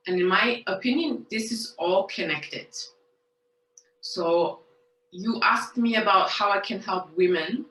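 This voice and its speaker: Woman guest, bright voice, roomy distant sound. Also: medium pitch, a little hiss or hum. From Switzerland. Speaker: interview guest and online money coach. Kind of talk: casual interview storytelling.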